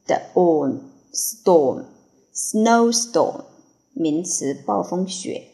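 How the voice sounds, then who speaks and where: Slow, gravelly-voiced woman reading vocabulary drills. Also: low-pitched. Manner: spells and repeats each English word slowly, then gives Chinese meanings. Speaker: English teacher. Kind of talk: word-by-word vocabulary dictation.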